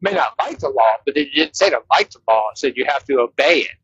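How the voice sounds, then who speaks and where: A man in an online group debate, talking insistently and quoting scripture, his voice thin and tinny with no bass, like a walkie-talkie. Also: lively intonation, quick pace, a bit bright, slightly rough, no echo. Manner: insistent, cites scripture, breaks in to interrupt. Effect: thin tinny headset audio with no bass, like a walkie-talkie. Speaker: debate participant. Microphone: cheap headset. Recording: dull lo-fi headset line.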